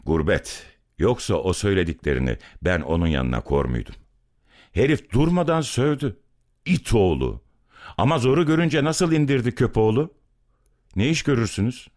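A man's voice: lowish voice, sing-song, normal speed, a little mellow, pitched above the performer's own voice. A man voicing a bitter, angry young brick-kiln worker who is far from home, in a dramatic story reading. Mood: scornful. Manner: bitter, accusing, heated.

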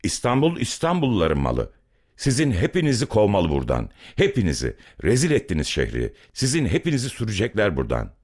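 Kendini beğenmiş, söylenip duran orta yaşlı pos bıyıklı bir şehirli, bir anlatıcının canlandırdığı; perdesi anlatıcının kendi sesinden epey yüksek. Dramatik bir hikâye okumasında savunmacı ve homurdanan bir tavırla konuşuyor. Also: male voice, lowish voice, huge pitch swings, brisk, darkish tone, pitched above the performer's own voice. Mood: scornful. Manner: pompous, grumbling, defensive. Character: blustering middle-aged mustached city man, then cowed. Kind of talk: dramatic audiobook reading.

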